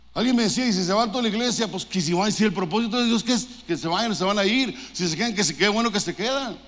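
Fervent high-voiced male preacher in reverb. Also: fairly bright tone. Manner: fervent, exhorting, with call-and-response questions. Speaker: pastor. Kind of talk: sermon. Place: church.

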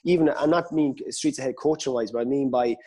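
Fairly quick and husky, with a warm, medium-pitched tone, this man is a Gaelic football pundit guesting on a podcast. His relaxed sports talk is halting, full of repeated words as he reasons aloud.

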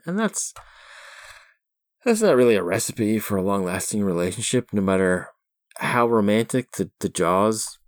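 A middle-aged man co-hosting a podcast, chatting casually about a film with wry chuckles and halting restarts. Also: on the low side, no room sound, clean studio sound. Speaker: podcast co-host.

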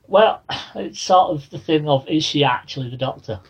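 A man chats casually about films and TV, often repeating his first words before he gets going. His voice is husky and a little high. The recording is dull and lo-fi. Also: normal speed. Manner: stammers on openings, repeats words. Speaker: podcast co-host. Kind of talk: casual film and TV chat.

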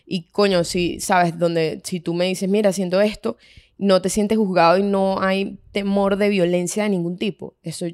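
A woman's voice: mid-range voice, fairly even intonation, moderate pace, a little mellow, no echo, studio quality. A young woman with a Venezuelan accent co-hosting a casual podcast, talking candidly with lots of slang. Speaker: podcast co-host. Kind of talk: casual chat.

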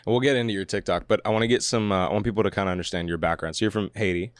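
A young man hosts a podcast with quick, tumbling speech and a low voice. He talks in a relaxed, casual way, swearing often and laughing easily. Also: clear, resonant tone, no echo. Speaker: podcast host.

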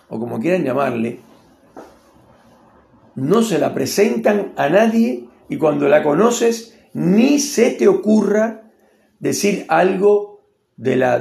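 Rioplatense guy ranting on camera, gravelly voice, kinda high, echoey room. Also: a little mellow. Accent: Rioplatense Spanish. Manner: rambling, opinionated, acts out quotes. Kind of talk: casual monologue.

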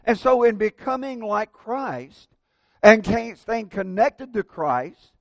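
A man preaching a sermon at a pulpit microphone, addressing his congregation in a deliberate, emphatic way. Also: high-pitched, lively intonation, vocal fry, dry recording. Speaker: preacher at a church. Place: church service, at a pulpit.

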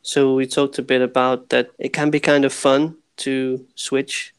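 A man from Denmark hosting a podcast, chatting casually with a guest and explaining things to the listeners in a relaxed way. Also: medium pitch, clean tone. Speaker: podcast host. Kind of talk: casual interview chat.

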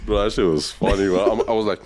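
A man's voice: on the low side, steady tone, quick pace, a little mellow. A young man chatting casually as a podcast co-host, blunt and heavy on swearing. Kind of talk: casual chat.

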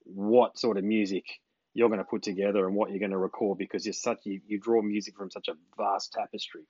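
A man's voice: fairly low pitch, level tone, brisk, mellow, husky, no room sound, highs cut off. An Australian man interviewing casually by phone, with a blokey, informal tradesman-like manner.

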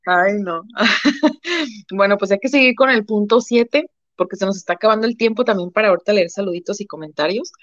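A woman with a Mexican Spanish accent co-hosts a live stream, chatting casually in a mid-range voice at a fairly quick pace. She is emphatic, repeating phrases to stress her points, and the sound is dull and dry with no echo or room around her voice.

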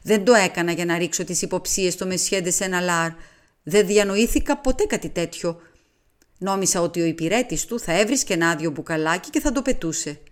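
A woman's voice: lowish voice, lightly acted. A woman reading aloud, voicing a dying elderly French noblewoman who speaks firmly and with dignity. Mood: solemn. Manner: firm, dignified confession.

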